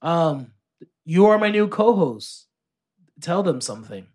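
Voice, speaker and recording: Lively, playful male podcast host. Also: fairly high pitch, unhurried. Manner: animated, swears casually, playful teasing. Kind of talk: casual podcast chat.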